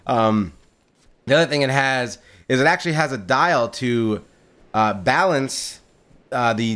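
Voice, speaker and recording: Here a gaming channel host with a loud, mid-range voice chats upbeat through his solo gameplay, casually commenting as he goes. Fillers and repeated words crop up often, and a condenser mic on a boom stand captures him.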